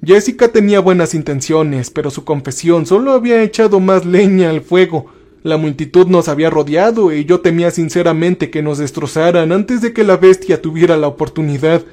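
A man's voice: fairly high pitch, fairly quick, dark tone. A man narrating a first-person horror story, switching into raised voices for the characters.

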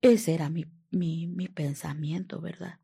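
A woman with a northern Mexican accent giving personal testimony, halting and often sinking to a whisper. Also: deep voice, steady tone, creaky, slightly rough. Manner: hushed, often dropping to a whisper, frequent tag questions; halting, with repeated restarts.

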